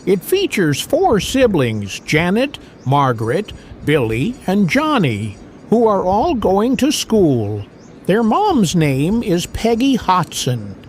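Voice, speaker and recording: High, very animated male recap narrator. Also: takes it slowly, slight background noise. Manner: plain storytelling, scene by scene. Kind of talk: scripted movie recap narration.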